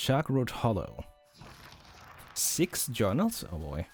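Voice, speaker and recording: A man casually commenting on his game while streaming, thinking aloud in a relaxed way. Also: mid-range voice, slow pace, soft background music. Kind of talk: casual let's-play commentary.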